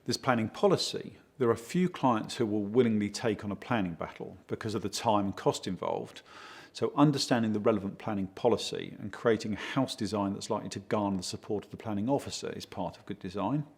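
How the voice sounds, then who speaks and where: A man working as a project consultant, giving steady, explanatory interview answers and leaning on key words. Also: lowish voice, fairly quick, breathy edge. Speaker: project consultant for a home design firm.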